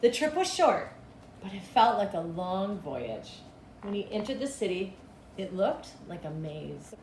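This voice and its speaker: Reading to listeners from a children's storybook, this school principal, a middle-aged woman, takes a deliberate, expressive storyteller's approach in a mid-range voice. The setting is a small cinderblock classroom indoors. A camera about two meters off captures it, with noticeable echo and audible background noise.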